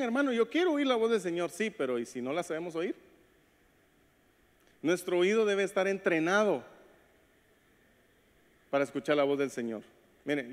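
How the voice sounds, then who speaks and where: A man delivers a sermon as pastor, his fairly high voice ringing through a hall with long reverb. He speaks directly to the congregation and acts out the voices of the people in his stories. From Latin America. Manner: preaches with acted quotes and call-outs to the congregation. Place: church sanctuary.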